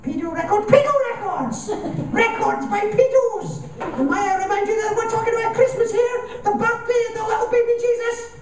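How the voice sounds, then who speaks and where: A man with a Scottish accent voicing an excitable, indignant sock puppet in a goofy, shrill falsetto for a comedy double act. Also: brisk. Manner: incredulous, argumentative ranting. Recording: roomy, distant live stage recording.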